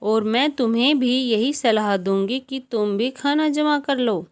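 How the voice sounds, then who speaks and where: Storybook ant, diligent and earnest, a woman's plain voice, slow delivery. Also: a little high, natural voice. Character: busy hardworking female ant.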